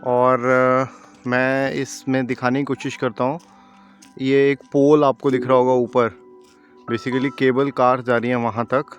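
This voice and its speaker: On a mountain trail outdoors, a male travel vlogger from India chats directly to his viewers while filming with a handheld camera. His mid-range voice is level and measured, with faint music behind.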